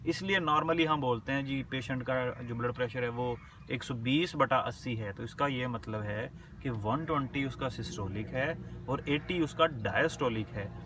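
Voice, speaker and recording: A male medical lecturer gives a recorded lesson. He reads English definitions slowly, then explains them in a conversational way and checks in often with short confirming words. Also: mid-range voice, far from the mic, noisy background.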